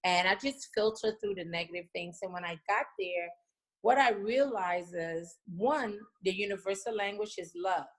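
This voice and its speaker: A woman's voice: medium pitch, normal speed. Earnest woman from Liberia, interview guest. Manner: earnest, repeats herself, many "you know"s. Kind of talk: remote interview, casual.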